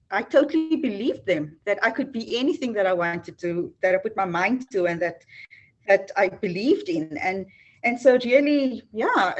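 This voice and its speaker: A woman's voice: fairly high pitch, highs cut off. A South African woman, an HR executive, answering interview questions earnestly with frequent ums and restarts. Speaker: HR executive, guest.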